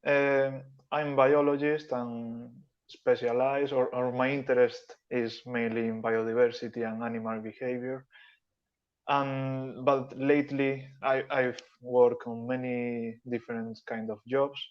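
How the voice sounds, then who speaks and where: A man from Spain presenting to an online conference over a video call, in a mid-range voice. He speaks in a with halting, phrasing. The audio is dull and lo-fi. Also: medium pitch, flat delivery. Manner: halting, non-native phrasing. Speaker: guest speaker, biologist.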